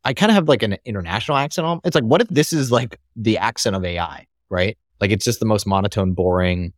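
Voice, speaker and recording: Casual American man, podcast guest; low voice, rambling delivery, dry recording. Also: fast, no echo. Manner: rambling, many fillers and restarts. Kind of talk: casual conversation.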